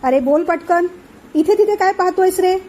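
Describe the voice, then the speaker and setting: A woman's voice: high voice, normal speed, a little mellow, close to an everyday voice. A woman reading the part of a stern, angry middle-aged uncle who scolds impatiently. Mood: scolding.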